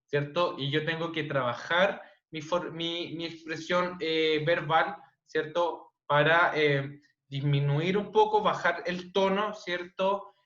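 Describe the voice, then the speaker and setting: A man with a Chilean accent teaching an online class, speaking loudly and checking in with tag questions. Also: a little high, steady tone, slow pace, few pauses. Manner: loud, frequent "¿cierto?" tag questions. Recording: dull, roomy online-class audio.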